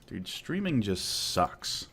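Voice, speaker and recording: A man with a lowish voice talks slowly and unhurriedly on a live trading stream. He mutters to himself between trades and grumbles with dry sarcasm. The sound comes through a desk mic at his computer. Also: very animated, fairly bright tone, husky. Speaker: livestreaming day trader.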